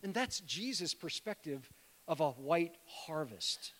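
Middle-aged male preacher, high voice, conversational sermon, long church reverb. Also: sing-song, unhurried, fairly bright tone. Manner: conversational, addresses congregation as friends. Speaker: guest preacher, missionary. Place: church sanctuary.

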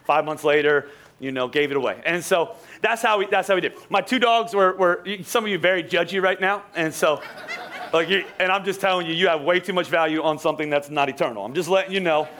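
A man's voice: a little high, fairly quick, a bit bright, slight background noise. A young male pastor telling a joking, sarcastic story during his sermon, with many restarts and asides to the congregation. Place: church sanctuary.

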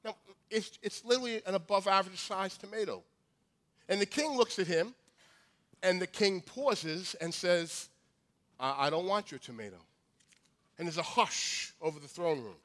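A man's voice: high voice, normal speed, fairly bright tone. A man preaching a storytelling sermon in an emphatic, conversational way, often repeating words. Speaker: pastor.

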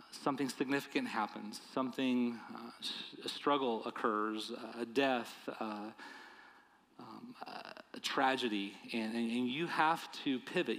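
A male pastor giving a sermon in an earnest, conversational way, often stumbling over and repeating the first words of a phrase. His voice sits at an ordinary middle pitch for a man. The church around him adds a long, trailing reverb to every word. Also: fairly bright tone. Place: church sanctuary.

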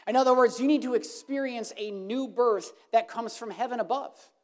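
A woman preaching an evangelistic sermon, earnest, swinging from emphatic lines to hushed, soft ones. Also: a little high, normal speed.

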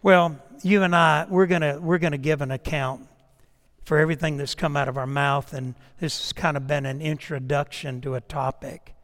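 A man preaching a sermon in a conversational storytelling way, swinging between raised emphasis and quiet asides. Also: fairly high pitch, fairly even intonation, moderate pace, in a large hall. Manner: conversational storytelling preaching, rising and dropping to a hush.

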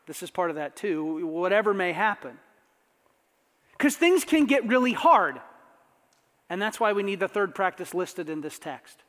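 A pastor with a strikingly high voice delivers a sermon to his congregation, animated and conversational, tossing in asides along the way. The long reverb of a church sanctuary rings around his voice.

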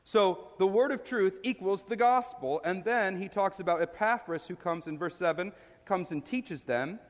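A man's voice: high-pitched, moderate pace. A male pastor giving a sermon, earnest and explanatory, putting questions to his listeners. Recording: long reverb of a large hall.

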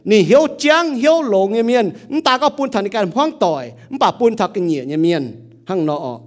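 A man's voice: high voice, animated, moderate pace. A man preaching a sermon as pastor, with a rising and falling delivery.

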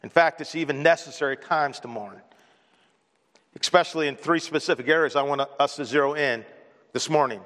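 A man's voice: on the high side, fairly quick. Earnest man preaching in a reverberant church. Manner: earnest preaching, swells loud on key points, drops soft on grief. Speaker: pastor. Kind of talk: sermon. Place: church sanctuary.

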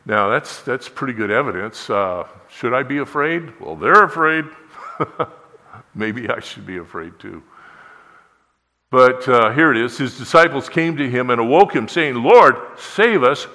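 A man's voice: on the high side, bright, forceful tone, long reverb tail. A man preaching a sermon in a conversational way, often putting rhetorical questions to the congregation. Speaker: pastor.

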